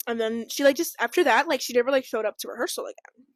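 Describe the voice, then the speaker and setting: A woman's voice: fairly high pitch, quick pace, no room sound. A young woman co-hosting a podcast, telling a rambling story in casual chat, laughing often and filling her speech with "like". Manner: giggly, rambling storytelling full of fillers. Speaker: podcast co-host.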